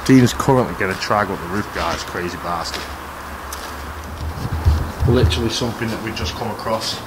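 Low-voiced man vlogging. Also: normal speed. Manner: chatty, addresses viewers as guys. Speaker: urban explorer host. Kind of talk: casual vlog narration. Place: abandoned factory and mine, at night. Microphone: handheld camera at arm's length. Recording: loud background noise.

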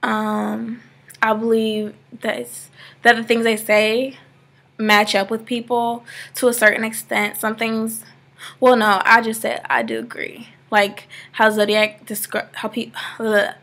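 A gravelly, fairly high and slightly bright voice, level in tone and a little slow, belongs to an eighteen-year-old vlogger from Georgia, USA. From the sofa in her living room she chats and rambles to a laptop webcam in close framing, using lots of "like."

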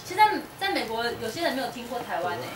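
A woman chats quickly and a little high as a guest speaker, full of fillers and restarts. She is heard from a distance in a roomy bookstore, with clear background noise. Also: very animated. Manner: chatty, many fillers and restarts, laughs often. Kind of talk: casual public talk with audience. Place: indoor bookstore event space. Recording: roomy echo, distant mic, noisy room.

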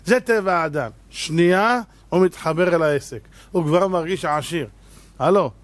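A male rabbi giving an animated, exhortative sermon, telling stories dramatically. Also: on the high side, no echo. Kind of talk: sermon with humorous storytelling.

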